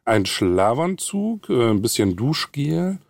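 A man in his forties calmly recounting a personal experience in an interview, matter-of-fact with occasional fillers. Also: mid-range voice, slow, creaky, no echo. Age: 40s. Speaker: interviewee, flood survivor.

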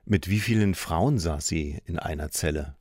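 Low-voiced guy asking radio interview questions, dry close sound. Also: normal speed, darkish tone, no room sound.

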